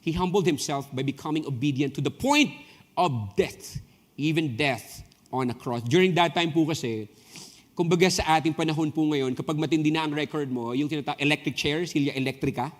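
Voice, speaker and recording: Animated pastor in a reverberant hall. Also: male voice, a little high, moderate pace. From Philippines. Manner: switches between Tagalog and English, animated, asks the crowd often. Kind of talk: sermon.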